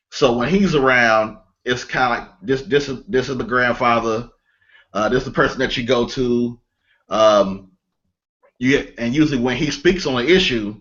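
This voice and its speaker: A man co-hosting a panel discussion who answers haltingly, thinking aloud as he goes. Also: medium pitch, fairly bright tone. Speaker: podcast co-host. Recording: dull, lo-fi audio.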